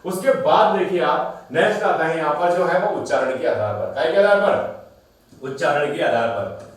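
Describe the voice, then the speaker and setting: A man's voice: fairly high pitch, normal speed. Echoey male grammar teacher quizzing himself. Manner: repetitive question-and-answer teaching, asks then answers himself. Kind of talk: classroom-style recorded lesson. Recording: very echoey room, voice from a distance.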